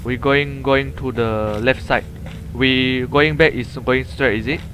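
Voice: medium pitch, fairly even intonation, unhurried, fairly bright tone, soft background music. A gamer with a Malaysian accent chatting casually with a co-player, in colloquial English sprinkled with lah and Malay words. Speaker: gamer, host of gameplay video. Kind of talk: casual gameplay chat with a co-player. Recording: clear game noise behind. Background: video game ambience and sound effects.

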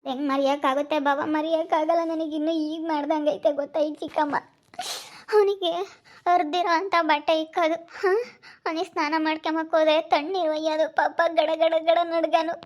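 A woman's voice: high voice, steady tone, fairly quick, a little mellow, lightly acted. A woman playing a grieving, motherless young woman who tearfully accuses her aunt in a rural family drama, in a muffled lo-fi recording. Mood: accusing, tearful. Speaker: village family drama actress.

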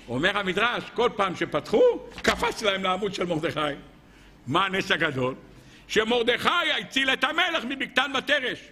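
A man, a rabbi, giving an animated Torah lesson full of rhetorical questions. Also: sits high.

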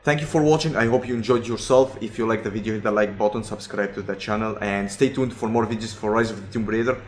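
A man's voice: on the low side, steady tone, fast talker, a little mellow. A man hosting a gameplay video with casual commentary, often repeating short phrases. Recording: clear game noise behind the voice. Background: video game ambience.

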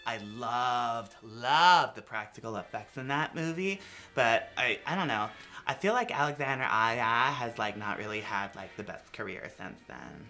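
A young man co-hosting a casual horror film chat in a campy, gushing, animated way. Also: mid-range voice, normal speed. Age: young adult. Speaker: co-host. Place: indoor horror-themed studio set. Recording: music behind the voice.

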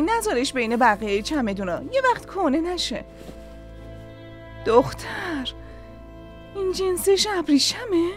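A sarcastic, bossy sister-in-law. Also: female voice, high-pitched. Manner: sarcastic and bossy, hurrying others along. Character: bossy, mocking woman scolding her sister-in-law. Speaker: dub actress. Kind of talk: Persian-dubbed TV drama acting.

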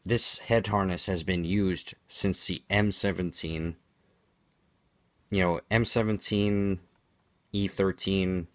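A man with a low voice talks through a product demonstration in a matter-of-fact, explanatory way. The sound is dry and close, with little room to it. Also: steady tone, slow pace, dry recording. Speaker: product reviewer. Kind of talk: unscripted product demonstration commentary.

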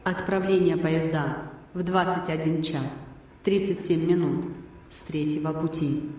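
A woman giving a formal, measured public-address announcement at a railway station, in the manner of an airport announcement. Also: deep voice, fairly even intonation, slight background noise. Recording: muffled, very echoey distant station loudspeaker.

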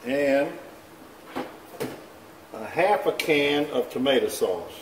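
A man with a medium-pitched, animated voice speaks slowly as he hosts a home cooking show, walking viewers through each step in a relaxed, folksy manner at his kitchen stove. It's a casual cooking demonstration filmed by a camera above the stove with his hands in view. The kitchen echoes, and a pan clatters faintly.

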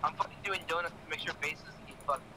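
A man's voice: fairly high pitch, steady tone, quick pace. A man playing in a military game squad, trading casual, sweary tactical banter over voice chat. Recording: very noisy game voice chat, engine noise. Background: loud vehicle and game ambience.

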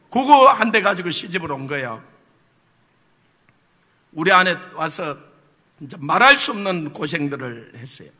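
High, very bright-voiced male pastor preaching. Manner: humorous storytelling with rhetorical questions to the congregation. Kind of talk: sermon with personal testimony. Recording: long reverb of a church hall.

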